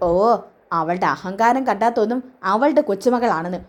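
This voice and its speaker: A woman's voice: mid-range voice, animated, normal speed, natural voice. Woman doing a scheming, suspicious mother. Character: scheming middle-aged mother, suspicious and sharp-tongued.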